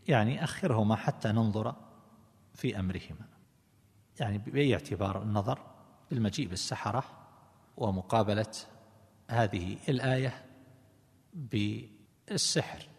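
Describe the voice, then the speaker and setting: Male religious teacher, lowish voice, deliberate explainer, long hall reverb. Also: gravelly, a little mellow. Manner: deliberate, explanatory, self-correcting. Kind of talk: lecture explaining scripture commentary.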